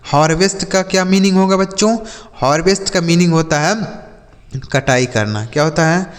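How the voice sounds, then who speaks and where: A man's voice: fairly high pitch, normal speed. A man teaching English vocabulary to children in a voice, spelling each word letter by letter and quizzing his pupils with repeated questions. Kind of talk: spoken English vocabulary lesson. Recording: long reverb, roomy sound.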